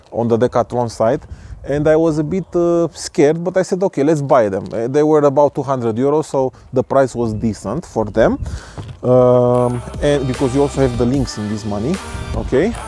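A man's voice: medium pitch, mellow. A man in his thirties, a vlogger, hesitantly reviewing skis outdoors at the foot of a ski slope, speaking with many fillers and restarts to a camera at medium distance. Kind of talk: casual product review vlog. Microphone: camera on a tripod at medium distance.

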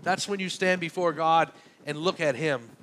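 With a slightly high, somewhat bright voice at normal speed, a man preaches a sermon in church, telling a personal story conversationally and acting out the conversation's back-and-forth. There is slight background noise.

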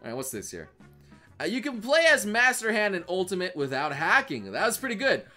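A male streamer gives live meme-reaction commentary with a bright, forward tone and a pitch that swings up and down. He rambles, repeats his phrases and swears freely. Faint music plays behind him. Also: huge pitch swings, fairly quick.

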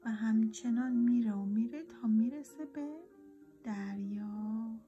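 A woman reading a children's storybook aloud in a gentle, often half-whispered voice. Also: fairly high pitch, dull audio. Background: soft instrumental music.

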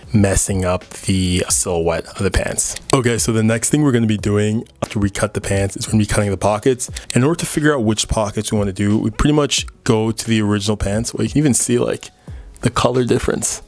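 Laid-back young man, low chatty voice. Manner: relaxed, chatty, lots of fillers like "like" and "you know". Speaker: sewing channel host. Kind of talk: casual sewing tutorial.

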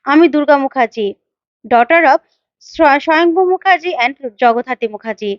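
A woman's voice: high voice, moderate pace, no room sound, muffled recording, natural voice. A woman voicing a bold, defiant young woman who scolds and threatens bluntly. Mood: threatening.

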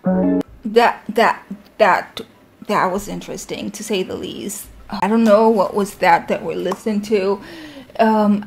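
A woman's voice: mid-range voice, a little mellow. A woman reacting to a song as a vlogger, talking in a gushing, effusive way with lots of "like" and "you know". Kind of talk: casual reaction chat.

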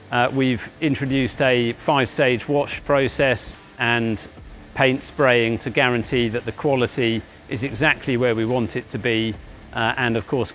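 A man, a company founder walking viewers through his offices and factory, explaining things in a measured way with frequent "uh" fillers. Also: mid-range voice, fairly bright tone. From England. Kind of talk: guided walking tour presentation. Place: large indoor offices and factory floor. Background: faint music.

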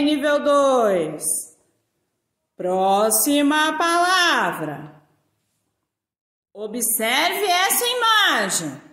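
Slow sing-song woman teacher. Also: on the high side, fairly bright tone. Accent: Brazilian Portuguese. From Brazil. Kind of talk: children's lesson. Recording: echoey room.

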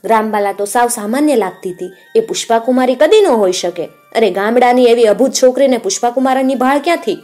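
An impatient young prince speaks with urgency, played by a woman storyteller. His lines rise above the narration, louder and higher. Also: fairly quick, hardly any pauses, faint music behind, natural voice. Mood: wondering. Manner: urgent, calling out loudly. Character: eager young male prince, impatient with longing.

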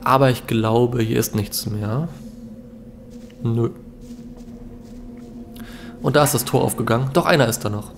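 A man's voice: medium pitch, a little slow, gravelly, pauses often, noisy background. A young man giving casual let's play commentary in a laid-back, musing way. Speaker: let's player. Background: game ambience.

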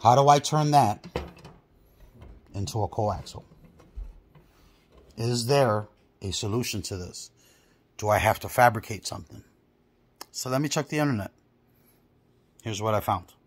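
Man, car audio installer, low-ish voice, blunt and profane, casual workshop talk. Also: unhurried, pauses often, husky.

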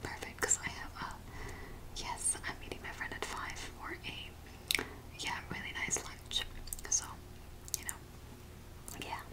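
A woman in a whispered role-play as an easygoing eye doctor, murmuring softly to a patient and pausing for replies. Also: lightly acted, poor audio. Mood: casual, chatty. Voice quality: soft, breathy, unvoiced whisper. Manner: halting, murmured one-sided conversation with pauses for replies. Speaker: ASMR performer. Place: small home office, indoors. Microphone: large microphone close beside her.

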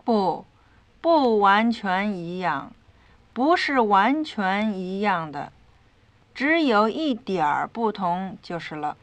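A woman reads her side of a scripted lesson dialogue slowly and deliberately. Her voice is mid-pitched for a woman. The recording is dull and lo-fi, typical of a 1950s record. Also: sing-song. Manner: slow, deliberate reading of drill lines.

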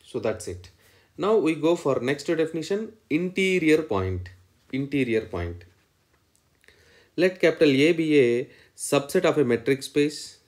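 A man's voice: fairly high pitch, lively intonation, moderate pace, darkish tone. A man lecturing in mathematics, dictating definitions in short phrases and repeating each one as he writes.

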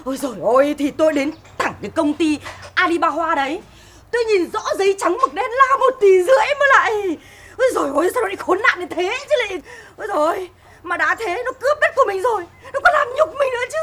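Shrill wailing village wife. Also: female voice, animated, fast talker, a little hiss or hum. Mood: lamenting. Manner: loud lamenting cries, nagging. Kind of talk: slapstick comedy film acting.

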